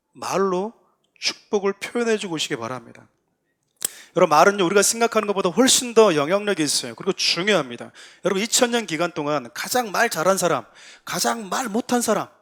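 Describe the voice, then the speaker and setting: Male pastor, sermon delivery, earnest and emphatic, slightly higher-pitched voice. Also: a bit bright. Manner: earnest, rising to emphatic exhortation with acted quotes. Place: church sanctuary.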